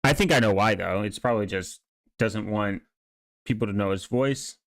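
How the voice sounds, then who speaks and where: A man giving casual, rambling commentary, speaking haltingly and often trailing off or restarting mid-thought. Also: on the low side, a bit bright, no room sound, low-quality recording. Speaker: streamer reacting to online videos and channels.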